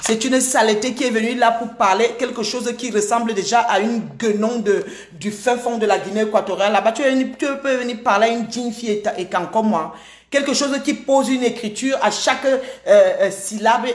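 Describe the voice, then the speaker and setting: A woman's voice: a little high, roomy sound. A woman hosting a live stream, taunting her critics and greeting commenters by name in a combative way. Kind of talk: live-stream political rant.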